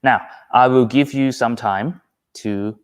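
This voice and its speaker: Slow, patient Thai-accented male teacher. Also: mid-range voice, clear, resonant tone. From Thailand. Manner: patient, unhurried, reads out viewer comments. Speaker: English teacher. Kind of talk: live-streamed quiz lesson.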